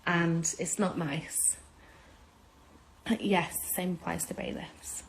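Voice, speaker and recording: A woman's voice: on the low side, steady tone, slow, creaky, slight background noise, rough recording. A woman giving impassioned advice in an urgent, insistent manner, repeating her key points. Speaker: social media speaker.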